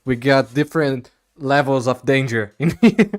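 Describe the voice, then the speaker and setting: A man's voice: mid-range voice, normal speed, no echo, clean studio sound. Brazilian guy hosting, lots of uhs. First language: Portuguese. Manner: hesitant, many fillers, laughs often. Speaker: podcast host. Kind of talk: casual video-call interview.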